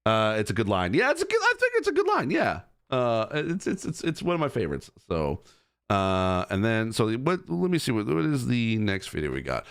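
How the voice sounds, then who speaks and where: A man's voice: mid-range voice, huge pitch swings, moderate pace, a bit bright, clear, resonant tone. A man hosting a live stream, chatting casually with lots of fillers and restarts. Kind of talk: casual rambling commentary.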